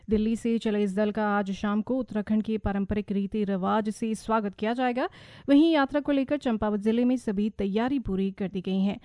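A woman reading a regional radio news bulletin in a steady, measured, formal manner. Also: fairly high pitch, dry recording, studio quality. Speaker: news reader. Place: radio studio.

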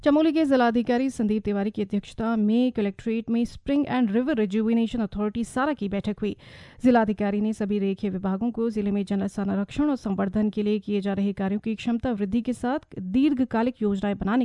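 A woman reading a regional radio news bulletin in a steady, measured, formal manner. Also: mid-range voice, dry recording. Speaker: news reader. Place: radio studio.

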